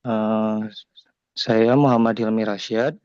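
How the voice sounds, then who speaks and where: Man, 20s, from Bandung, teacher, very slow, lowish voice, slightly dull recording. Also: little pitch movement, darkish tone, clean tone, no echo. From Bandung, Indonesia. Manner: slow, hesitant. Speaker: teacher and graduate student. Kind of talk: self-introduction in class.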